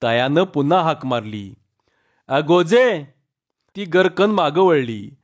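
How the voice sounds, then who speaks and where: A man narrating a rural story in calm, unhurried scripted narration, in a dull lo-fi recording. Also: on the high side.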